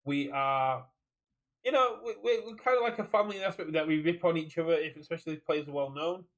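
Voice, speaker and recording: A man's voice: fairly high pitch, fast talker, fairly bright tone, poor audio. A British man co-hosting a casual podcast chat, rambling and repeating his phrases as he goes. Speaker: podcast co-host. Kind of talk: casual chat about a card game community.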